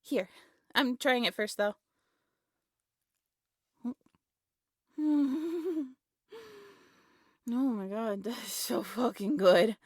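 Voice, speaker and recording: Happy and playful, a woman acts out an affectionate, cheerful young woman in an intimate roleplay audio drama, teasing with an exaggerated, expressive voice. Her pitch is a little high, and the clean studio recording has no room sound.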